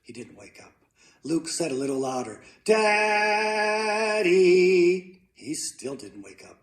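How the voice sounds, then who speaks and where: A man reading a children's storybook aloud, slow and dramatic, with playful sound effects. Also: medium pitch, animated, a little mellow, roomy sound.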